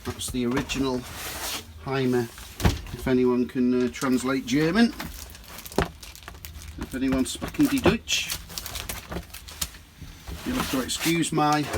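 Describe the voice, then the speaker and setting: This man, a motorhome dealer and reviewer from the United Kingdom, chats through a walkaround review inside a motorhome with rain outside, calling his viewers folks. His pitch is medium, and the handheld camera mic picks up very heavy noise.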